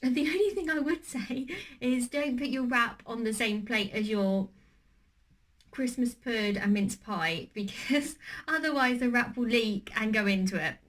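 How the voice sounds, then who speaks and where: A young woman with a slight cold, a little wheezy, chats casually in a cooking and eating vlog, rambling with many ums and restarts. Her voice is on the high side and fairly bright, and she speaks at a measured pace.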